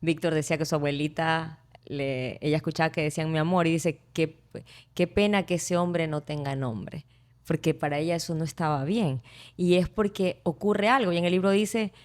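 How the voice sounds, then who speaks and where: A woman hosts a conversational interview, talking at length. Her voice sits a little low for a woman. She quotes others with lively shifts in her voice. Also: normal speed. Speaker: podcast host.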